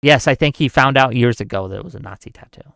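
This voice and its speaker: A man in his forties hosts a livestream, chatting casually about politics, reading questions from his live chat, answering them and thinking aloud. His medium-pitched voice is fast and a bit bright, with vocal fry. The studio-quality recording has no echo.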